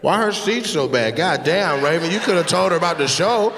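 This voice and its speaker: Lively intonation and a fairly high pitch mark this male comedian as he does brash, quick-witted, teasing crowd work on stage. The large venue gives the live recording long reverb and a loud background.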